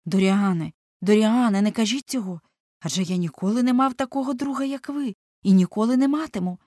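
A woman's voice: fairly low pitch, expressive, a little fast, a little mellow, dry recording, studio quality. A woman reading aloud voices a devoted, emotional male painter who speaks earnestly and urgently. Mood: pleading.

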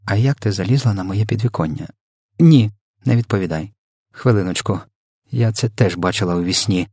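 Man reading a queen, regal, sharp, commanding, husky low voice, dry storybook audio. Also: fairly quick, no echo. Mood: wondering. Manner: sharp and commanding, drops to a hushed whisper. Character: startled, dignified queen woken from a dream.

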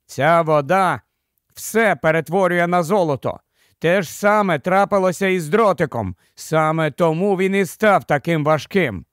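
A man reading the part of a sensible, quick-thinking boy in a storybook, speaking earnestly. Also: on the high side, fairly bright tone, no echo, clean studio sound, close to an everyday voice.

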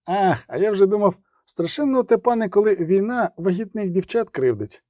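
A man voicing a talkative army field medic who speaks slowly and soothingly with deference. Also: sits high, lively intonation, dark tone, no echo, clean studio sound, pitched above the performer's own voice. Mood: chatty, reassuring. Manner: chatty, deferential, slow and soothing.

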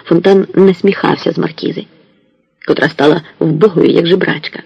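Husky, gravelly male audiobook narrator. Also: on the high side, steady tone, moderate pace, no room sound, muffled recording.

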